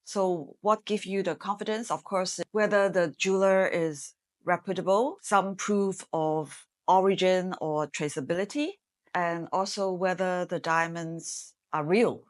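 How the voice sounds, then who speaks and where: A middle-aged woman from Hong Kong, a marketing executive giving measured, explanatory interview answers. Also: on the low side. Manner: measured, explanatory, with some fillers.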